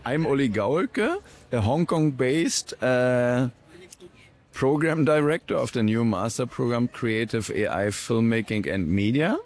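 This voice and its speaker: A man's voice: medium pitch, lively intonation, unhurried. A man in his fifties, a program director and juror, answering interview questions hesitantly with many fillers. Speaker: program director, jury member.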